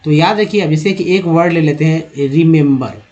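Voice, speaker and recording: A man giving a spoken lesson on English spelling and pronunciation, who keeps asking rhetorical questions and answering them, and who repeats the sounds slowly. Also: fairly high pitch, darkish tone. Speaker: English teacher. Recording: dull lo-fi recording.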